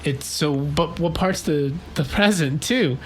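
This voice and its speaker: A man co-hosting a casual philosophy talk, firing off rambling, excited questions. His voice sits a little high. Faint background noise hums under him. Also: measured pace. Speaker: podcast co-host.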